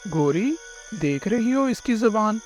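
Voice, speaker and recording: A man voicing a scheming, hot-tempered male thief bird who is a father, in a gruff, threatening manner. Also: sits high, big pitch swings, measured pace. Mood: gruff scolding. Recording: faint music behind the voice.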